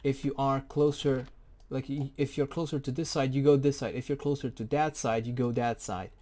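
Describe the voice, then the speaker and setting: Man, mellow warm voice, casual game tutorial, rambling, jokey, self-correcting. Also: mid-range voice, steady tone, moderate pace. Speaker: game guide creator.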